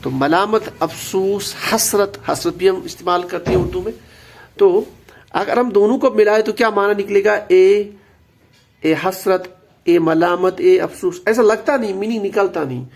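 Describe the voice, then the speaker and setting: High gravelly male grammar teacher. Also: a little hiss or hum. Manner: patient, repeats key words, mixes in English terms. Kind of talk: explanatory lesson.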